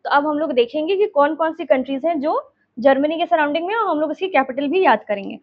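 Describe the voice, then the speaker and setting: A woman's voice: high voice, animated, fast talker, muffled recording. A woman teacher explaining a map lesson, repeating names and checking in with her students.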